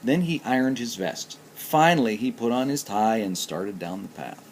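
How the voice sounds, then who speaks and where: A man reading a children's story aloud in an expressive, sing-song way. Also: fairly low pitch, normal speed, a little hiss or hum. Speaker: narrator.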